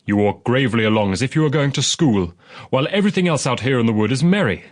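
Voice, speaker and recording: A man's voice: mid-range voice, animated, fast talker, lightly acted. A man voicing a wicked wolf in a storybook, sly, coaxing and falsely polite.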